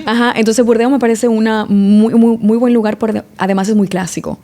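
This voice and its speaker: Mellow-voiced Dominican sommelier woman. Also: on the high side, fairly even intonation, brisk. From Dominican Republic. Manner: reflective, restarts often, eh fillers. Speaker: sommelier guest. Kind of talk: casual podcast interview.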